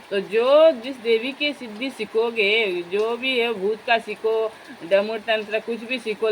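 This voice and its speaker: A young woman chats to her viewers and calls them her friends, talking in a confiding, rambling way. Her voice sits a little high. Faint background noise runs under the recording. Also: fairly bright tone, low-quality recording. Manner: chatty, addresses viewers as friends. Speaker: vlogger. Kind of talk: casual chat to viewers.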